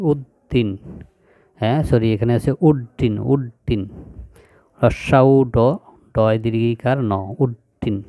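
A man teaching young children to read, spelling out each syllable slowly and repeating every word. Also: mid-range voice, mellow, no room sound, clean studio sound. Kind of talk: slow phonics lesson for young children.

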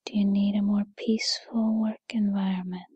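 A woman playing a gentle, patient fairy godmother in a whispered role-play, with a breathy whisper and a soothing, encouraging manner. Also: medium pitch, little pitch movement, no room sound, muffled recording. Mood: gentle, reassuring. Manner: soothing, encouraging, unhurried second-person address.

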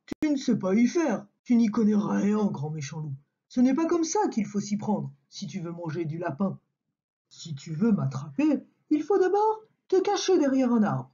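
Sneaky know-it-all rabbit, coaxing, lively up and down, lady voicing him. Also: mid-range voice. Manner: lecturing, coaxing. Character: cunning know-it-all red rabbit, male. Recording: dull lo-fi recording.

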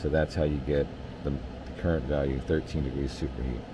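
A bass-voiced man who works as an HVAC technician talks a little fast as he explains system readings in a relaxed, hands-on way. He's in a basement furnace area, uses plenty of fillers, and there's background noise.

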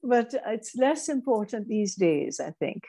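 An older Grenadian woman with a British-Caribbean accent, appearing as a guest speaker, tells her life story in a reflective interview, speaking in a measured, thoughtful way with frequent restarts. Her medium-pitched, mellow voice is very animated. She is indoors in a room at home, talking on a video call through wired earbuds.

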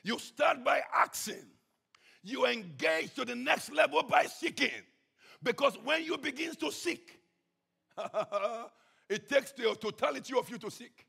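A man preaching a sermon with passion, swinging between shouts and hushed tones. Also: extremely high pitch, animated, normal speed, vocal fry, slightly rough, faint music behind. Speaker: pastor.

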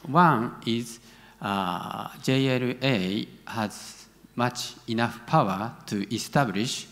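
Speaking into a gooseneck podium mic on the stage of a large, echoing auditorium, a middle-aged conference presenter from a university fumbles for words as he answers questions. Japanese is his native language and his accent shows, and his medium-pitched voice sounds a bit bright.

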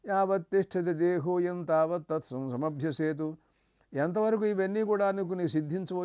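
A man's voice: sits high, a little mellow, clear, resonant tone, no echo. A man giving a spiritual discourse, chanting verses and acting out short voices in his stories. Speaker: spiritual teacher. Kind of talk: devotional discourse.

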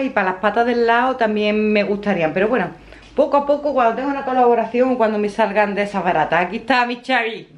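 A woman's voice: fairly high pitch, muffled recording. A woman in her fifties talking casually to a phone camera at home in a home vlog, chatty and affectionate, rambling with fillers. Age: 50s. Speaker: vlogger. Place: at home, indoors.

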